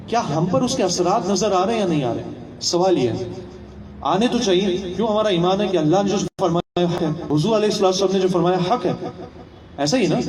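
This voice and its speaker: A man's voice: high voice, a little mellow, slight background noise. A young man giving a religious training talk, asking rhetorical questions, repeating phrases and mixing in English words. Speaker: religious instructor. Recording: echoey hall, voice from far off.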